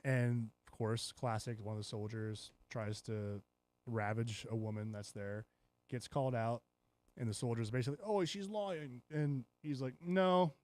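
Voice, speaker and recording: A man's voice: fairly low pitch, moderate pace. A man hosting a podcast, recapping a show in casual chat and acting out the characters' lines as he tells it. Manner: animated storytelling, acts out characters' lines. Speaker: podcast host.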